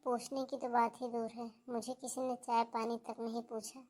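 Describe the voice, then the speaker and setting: Grieving young wife, aggrieved and flat-voiced, acted by a woman. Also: on the high side, moderate pace, lightly acted. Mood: hurt. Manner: hurt, complaining recount. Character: grieving young married woman, hurt and complaining. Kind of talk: animated cartoon voice acting.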